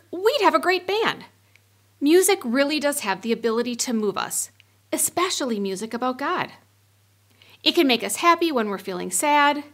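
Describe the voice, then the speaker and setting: A woman's voice: sits high, a bit bright. A woman hosting a kids' church lesson, cheerful and talking straight to the children. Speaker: children's ministry host.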